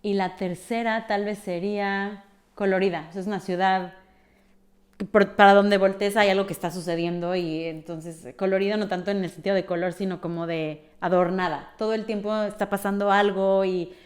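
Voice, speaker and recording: A woman's voice: mid-range voice, fairly even intonation, moderate pace. A woman with a Mexican Spanish accent, a podcast guest who talks freely and thinks aloud with frequent fillers. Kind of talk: conversational interview.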